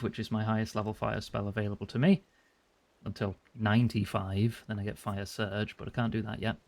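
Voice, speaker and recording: A man doing casual, informal video game commentary, thinking aloud as he plays. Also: medium pitch. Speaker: gamer narrating a playthrough.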